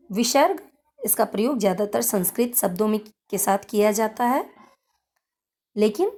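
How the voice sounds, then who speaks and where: A woman teacher explaining a grammar lesson to children, repeating key points in a deliberate way. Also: mid-range voice, a little mellow. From India. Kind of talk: slow classroom lesson explanation.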